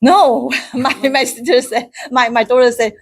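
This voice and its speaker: A middle-aged Taiwanese woman speaks at a club, narrating a personal story. She's halting, with lots of restarts and word repetitions, laughs often, and grows high and loud as she gets excited.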